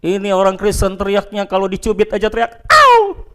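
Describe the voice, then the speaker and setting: A male pastor preaching a sermon to a church and viewers at home, emphatic, dropping between loud declarations and quiet asides. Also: high-pitched, flat delivery, fast talker, smooth.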